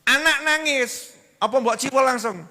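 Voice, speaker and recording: A man with a Javanese accent preaching a sermon, telling stories lively and acting out the people in them. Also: very high-pitched, normal speed. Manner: animated storytelling, acts out dialogue in Javanese. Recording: long hall reverb.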